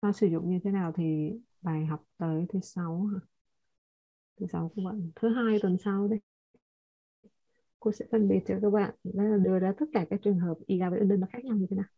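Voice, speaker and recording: A woman's voice: mid-range voice, fairly even intonation, a little fast, breathy edge, narrow, tinny audio. A woman teaching a live online class, patiently explaining and correcting pronunciation. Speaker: Korean language teacher.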